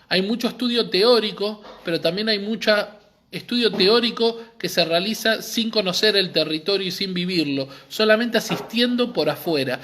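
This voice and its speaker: A man from a community library, with an Argentine Spanish accent, gives an earnest live-streamed talk full of explanation, often checking on his listeners. His pitch is high and his tone fairly bright.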